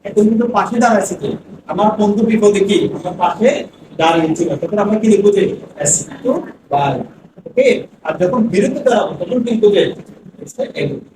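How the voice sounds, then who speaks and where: A man teaching English to a class, asking the same question again and again for the students to answer together, reading the English sentences out slowly. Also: high-pitched, animated. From Bangladesh. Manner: drills students with repeated questions. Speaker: English lecturer. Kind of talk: classroom lesson with call-and-response. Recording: echoey classroom from far off, noisy.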